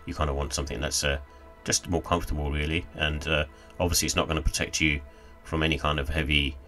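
A man's voice: rumbling low, little pitch movement, fast, pushed and bright, faint music behind. A man giving a casual, rambling sneaker review voice-over, full of fillers like "sort of" and "kind of".

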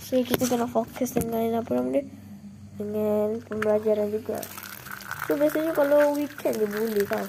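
Among trees at a campsite, this young Malaysian vlogger rambles casually with fillers, her phone held close at arm's length. She speaks a little high, in a steady tone and at a moderate pace. Background noise can be heard.

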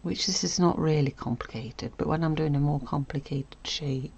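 A woman hosting a casual stitching tutorial, chatty and self-correcting, often dropping to a soft murmur as she works. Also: sits low, fairly even intonation, moderate pace, breathy edge, lo-fi sound. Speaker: sewing tutorial host.

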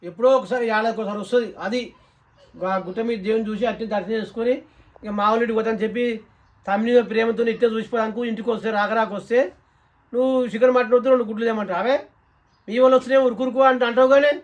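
A man's voice: high-pitched, steady tone, distant mic, dull audio. A man with a Telangana Telugu accent acting a brother and husband in a village comedy sketch, scolding and insistent. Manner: scolding, insistent, rapid talk.

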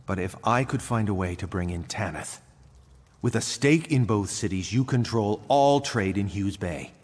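An actor playing a weary, resigned retired criminal schemer in a video game, with a measured, theatrical delivery. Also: male voice, lowish voice, lively intonation, darkish tone, husky. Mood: weary, confessional. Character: retired male crime schemer turned painter, weary and resigned. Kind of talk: video game character dialogue. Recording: reverberant hall sound, faint music behind.

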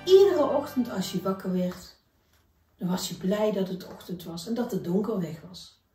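A woman reading a children's story aloud in a gentle, expressive way. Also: medium pitch, normal speed, recorded from a distance, soft background music. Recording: echoey room, voice from afar.

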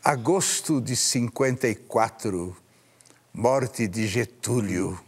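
A man's voice: mid-range voice, slow, slightly rough. A man in a mid-range voice hosts a TV interview. He puts short, direct questions to his guest.

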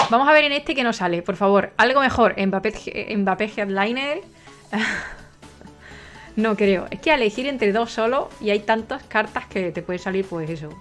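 A young woman from Spain with a Spanish accent, giving chatty gameplay commentary straight to her viewers and breaking into excited shrieks. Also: fairly high pitch. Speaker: gaming streamer.

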